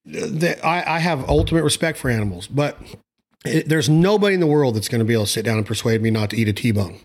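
A man's voice: mid-range voice, animated, fast talker. A man talking casually and at length about his views in an emphatic, blunt, rambling way, using mild slang. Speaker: hunting show host. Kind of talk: casual opinionated chat.

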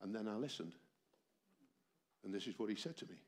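In a church hall, an older man in his seventies gives a sermon through an amplified mic, his low-side voice animated and fairly quick. A cold has tired his voice. He regularly asks the congregation rhetorical questions.

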